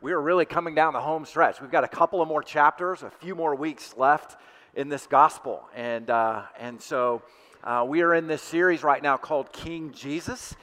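A male pastor preaching a sermon in a relaxed, conversational way, with frequent fillers and restarts. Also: on the high side. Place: church sanctuary. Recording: long reverb of a church hall.

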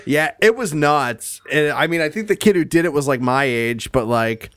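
A man's voice: on the high side, lively intonation, normal speed, fairly bright tone, clear, resonant tone, dry recording. Rambling man with a dry close sound. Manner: rambling, hesitant storytelling with many fillers. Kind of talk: casual podcast chat.

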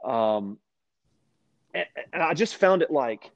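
A man from Louisiana, a podcast guest, telling casual stories with lots of restarts and animated asides. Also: on the high side, takes it slowly, lo-fi sound. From Louisiana, USA. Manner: rambling, animated anecdotes with frequent restarts. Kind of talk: casual storytelling conversation.

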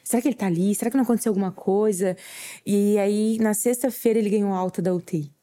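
A woman talks fast in a warm, medium-pitched voice while recounting her faith journey as a podcast guest. Earnest and at times near tears, she dramatizes her own quoted lines.

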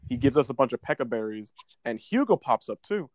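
A man's voice: medium pitch, sing-song, fairly quick, darkish tone, dry recording. Podcast dude chatting about his game run, rambly and stumbly, mid voice, dry close mic. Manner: rambling, stumbles and restarts often. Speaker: podcast co-host. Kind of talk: casual chat about a video game.

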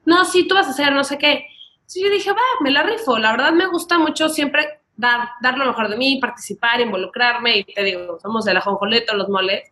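Her voice runs high, bright, and forceful, and she talks fairly quickly. A podcast guest in her early thirties who works as a wedding planner, she tells her story with a Mexican accent, casual and animated, regularly playing out bits of dialogue.

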